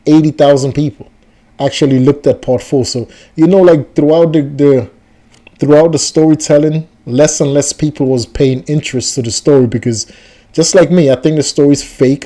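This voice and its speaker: Skeptical man with a warm, mellow voice. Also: a little high, steady tone, normal speed. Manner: skeptical, rambling, repeats himself. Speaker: reaction video host. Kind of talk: casual commentary.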